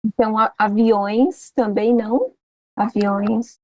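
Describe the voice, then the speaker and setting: A woman's voice: fairly high pitch, steady tone, takes it slowly, darkish tone, no room sound. A woman, a student on a video call, asking questions and giving short replies to her tutor. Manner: brief replies and acknowledgements.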